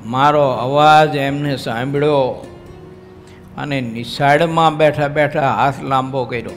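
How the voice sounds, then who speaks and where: A swami with a Gujarati accent and a steady, mid-range voice delivers a storytelling sermon to an assembly in a large hall, with soft music in the background. He tells the religious story slowly and dramatically, acting out the cries and wails of its people.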